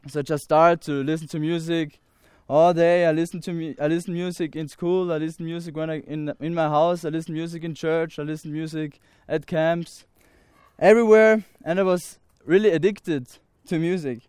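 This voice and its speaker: A nineteen-year-old from Austria speaks to an audience in hesitant English marked by pauses and restarts, giving a sincere personal testimony with an Austrian German accent. His voice is on the high side, steady, darkish, clear and resonant, in clean studio sound with no room sound.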